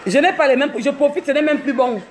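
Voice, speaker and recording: A woman's voice: sits high, quick pace, faint music behind. A woman from Cameroon, ranting on a livestream, mocking and scolding with laughs between jabs. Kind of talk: live social media rant.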